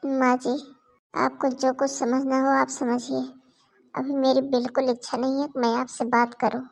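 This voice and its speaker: A woman's voice: high voice, level tone, normal speed, vocal fry, voice pushed down. A woman doing a tired, sick young mother. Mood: weary. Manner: soft, tired, resigned. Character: sick, weary young mother, daughter-in-law. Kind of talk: Hindi cartoon moral story voice acting.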